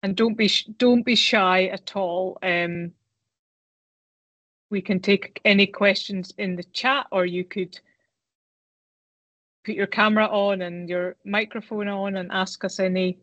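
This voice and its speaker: Woman, webinar panelist, halting delivery, mid pitch, dry close audio. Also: fairly even intonation, a bit bright, no room sound. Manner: hesitant with frequent ums and restarts. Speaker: academic panelist hosting a webinar. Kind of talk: webinar Q&A talk.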